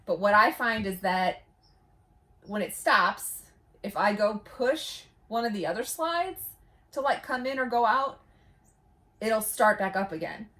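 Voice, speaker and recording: A woman chats casually to the camera from inside a small camper trailer. She hosts in an informal, talkative way, with a voice of ordinary middle pitch for a woman. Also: animated, a little slow, long pauses, sharp tone. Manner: chatty, laughs easily while talking. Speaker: vlog host.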